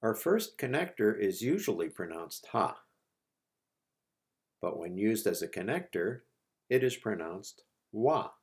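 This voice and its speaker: A man teaching a language lesson, repeating each word slowly and patiently for learners. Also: fairly low pitch, very animated. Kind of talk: slow, patient lesson narration.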